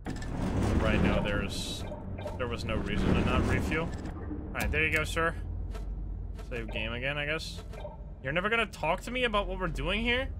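A man's voice: medium pitch, animated, moderate pace, pauses often, background noise. A man livestreaming a video game with casual, reactive commentary, joking and talking back to the game. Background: loud game music.

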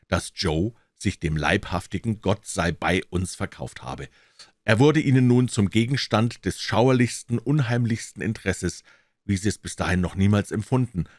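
A man reading a classic novel aloud as scripted narration, with expressive, dramatic storytelling. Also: on the low side, dry recording, studio quality. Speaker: audiobook reader.

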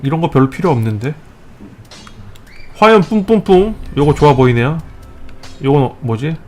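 A man hosting a let's play, giving joking step-by-step tips and scolding the enemies he fights, with sudden excited outbursts. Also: mid-range voice, fairly quick, soft background music. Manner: playful mock-tutorial tone, scolding enemies. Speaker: gaming channel host.

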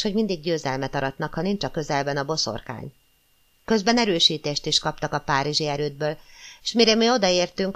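Low-voiced woman reading a classic novel. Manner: measured, expressive storytelling. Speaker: audiobook reader. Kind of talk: scripted narration of a classic novel.

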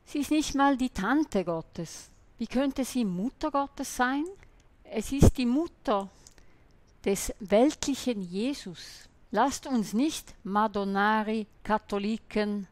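A woman's voice: mid-range voice, no echo. A woman voicing a sermon in translation, preaching in an emphatic, admonishing way.

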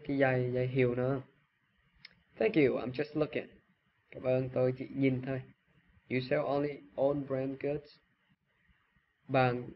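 A man with a Vietnamese accent runs a casual phrase lesson, repeating lines and explaining them with halting restarts. His voice sits at a middle pitch. The recording is a little dull, with a faint hiss behind it. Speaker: English teacher.

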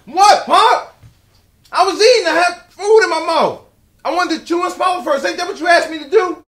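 An actor playing an exasperated young college-age son who argues back at his father, fast and loud at times. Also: extremely high pitch, big pitch swings, echoey room, heavily acted. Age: young adult. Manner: fast, argumentative, loud outbursts. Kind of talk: comedy sketch acting.

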